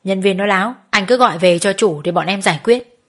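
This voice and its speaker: A woman doing a calm, firm male boss. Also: mid-range voice, fairly quick, natural voice.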